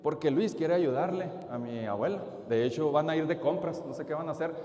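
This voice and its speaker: A sneaky young girl who taunts in hushed tones, as a male preacher puts her on. The voice sits high and rings out in a big reverberant church hall. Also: fairly quick, lightly acted. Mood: sly. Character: sly young girl blackmailing her brother.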